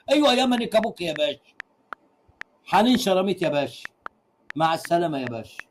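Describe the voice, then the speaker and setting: Rowdy high-voiced Egyptian man teasing. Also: very animated, fast, pauses often, a little hiss or hum. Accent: Egyptian Arabic. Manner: rowdy, teasing, repeats his punchlines; laughs often while talking. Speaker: livestream host. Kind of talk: casual crude joking livestream chat.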